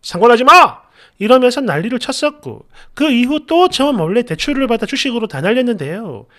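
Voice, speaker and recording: A woman reads a first-person story with indignant exasperation, throwing rhetorical questions at her listeners. Her voice is high and swings widely in pitch. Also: sing-song, a little fast. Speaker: story narrator.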